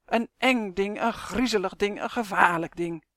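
A woman's voice: medium pitch, measured pace, dry recording, clean studio sound. A woman doing a stern, proud living coat. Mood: menacing. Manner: stern, swings from hushed menace to shouting.

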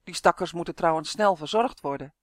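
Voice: medium pitch, fairly quick, no echo, studio quality, close to an everyday voice. A storyteller voicing a brave, cheerful boy hero in a fantasy audiobook, raising the voice and calling out eagerly.

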